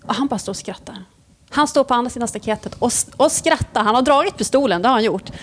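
Lively swearing woman telling a story. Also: a little high, slight background noise. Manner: lively, swears freely, acts out scenes. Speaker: police officer. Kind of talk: casual storytelling in conversation.

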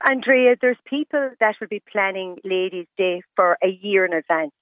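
A woman's voice: mid-range voice, moderate pace, no echo. A woman with a west of Ireland accent talks as a phone-in radio guest. She makes her points emphatically, repeating them in short phrases. Her voice comes down a dull, narrow telephone line with no room sound around it. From Galway, west of Ireland. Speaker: interview guest, stylist and fashion competition judge. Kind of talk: live radio phone interview.

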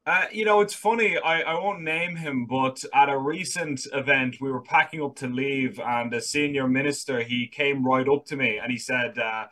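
A man's voice: mid-range voice, normal speed, hardly any pauses, sharp tone, poor audio. A young man with a Dublin accent, a political correspondent talking candidly as a guest, often restarting his sentences. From Ireland. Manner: earnest, candid, with frequent restarts. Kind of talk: casual interview.

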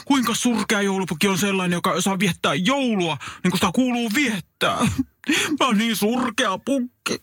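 A man's voice: high voice, a bit bright, slightly rough, no echo. A man playing a bumbling, fretful old Santa Claus who stammers and hesitates, in a comic skit. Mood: gloomy.

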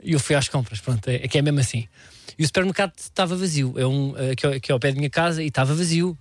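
A man with a European Portuguese accent telling a comic story as a regular on a radio show, animated and self-mocking, laughing through it. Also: fairly high pitch, racing, no echo. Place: radio studio.

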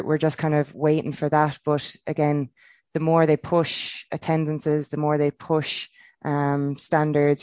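Even-toned Irish woman, close dry sound. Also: sits low, no echo. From Kilkenny, Ireland. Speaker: football player and pundit guest. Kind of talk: casual interview discussion.

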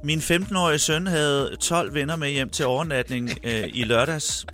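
A middle-aged man as a radio guest telling long, animated anecdotes in casual chat. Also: fairly high pitch, faint music behind. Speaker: radio guest, quiz setter.

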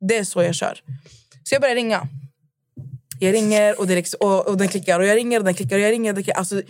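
A woman's voice: medium pitch, darkish tone, no room sound, studio quality. A young woman co-hosting a casual podcast chat, telling a story animatedly and acting out both sides of a conversation. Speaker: podcast co-host.

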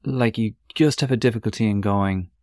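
Deep-voiced man asking rambling questions. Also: brisk, darkish tone, no room sound, clean studio sound. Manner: chatty, asks long rambling questions. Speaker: parenting podcast co-host. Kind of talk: casual podcast chat.

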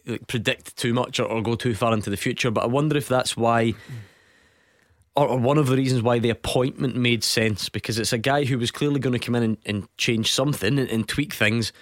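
A man hosts a radio football phone-in and keeps the talk moving with teasing banter. He speaks at a quick clip. The studio sound is close and dry. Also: medium pitch, dry recording. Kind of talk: fast radio sports talk.

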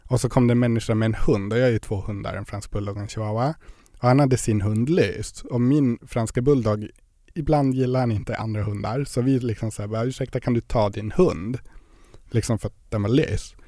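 Chatty young man, dark mellow voice. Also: mid-range voice, fairly even intonation, no room sound, clean studio sound. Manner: chatty storytelling with many fillers. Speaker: podcast guest. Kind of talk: casual interview chat.

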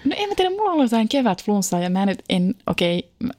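A woman's voice: mid-range voice, big pitch swings, a little mellow, dry recording. A woman co-hosting a casual chat show, telling self-mocking stories and laughing often. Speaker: podcast co-host.

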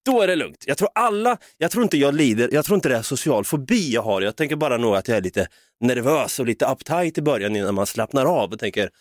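A man's voice: medium pitch, no room sound, clean studio sound. A man co-hosting a podcast in casual chat, laughing often, swearing and telling stories with put-on voices. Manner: laughing, swearing, lively storytelling. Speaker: podcast co-host.

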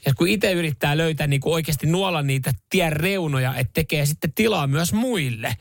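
Rambling radio host, higher-pitched man. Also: creaky, dry recording, clean studio sound. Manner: rambling, many restarts, swears freely. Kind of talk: casual on-air chat. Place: radio studio. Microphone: studio microphone.

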